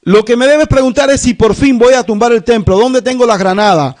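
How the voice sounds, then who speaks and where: A preacher speaks as a composed accused man who turns the accusation back with probing questions. The voice sits fairly high and stays steady. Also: brisk. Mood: challenging. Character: calm, challenging man confronting his accuser.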